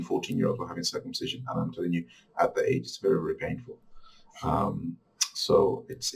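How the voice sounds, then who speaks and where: Low husky man teaching from a distance. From Bangladesh. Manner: halting, many restarts and fillers. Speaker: religious teacher. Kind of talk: recorded course lecture.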